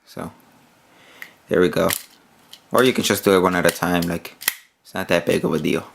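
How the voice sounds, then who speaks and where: A man with a very low voice talks through a toy review in a loose, rambling way. He fills his speech with "like" and "yeah" while he handles and shows off the pieces. Faint household clatter sits behind him. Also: moderate pace, gravelly, background noise. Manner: rambling, many fillers like "like" and "yeah"; hands-on, demonstrating while talking.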